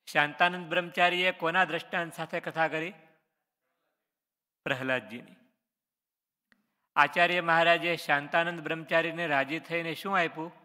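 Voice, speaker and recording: Bright-voiced man quizzing students. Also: fairly high pitch, big-room sound. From Gujarat, India. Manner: reads a question then answers it, adding short explanations. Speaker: religious teacher. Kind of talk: question-and-answer scripture quiz review.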